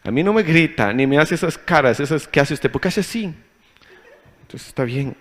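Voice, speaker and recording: A male pastor preaching a humorous marriage sermon, telling stories and acting out both sides of arguments with animated energy. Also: fairly high pitch, a little fast, big-room sound.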